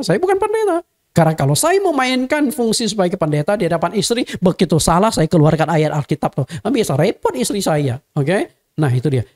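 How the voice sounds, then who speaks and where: A middle-aged man preaching as a senior pastor, teaching in an online sermon and often checking in with his listeners. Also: sits high. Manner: animated, rhetorical, checks in with the listener.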